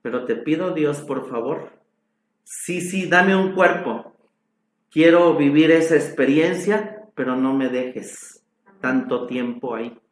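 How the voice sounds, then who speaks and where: A man preaching a sermon as a pastor, slow and emphatic, his voice rising on exclamations. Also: a little high, echoey room. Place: church hall.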